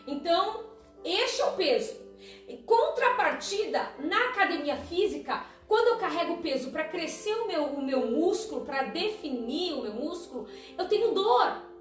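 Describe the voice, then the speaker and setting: High-voiced woman preaching in an echoey room. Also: very animated, moderate pace. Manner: conversational preaching, asking the listener "tá?" again and again. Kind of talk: sermon on a live stream. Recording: echoey room, distant mic, faint music.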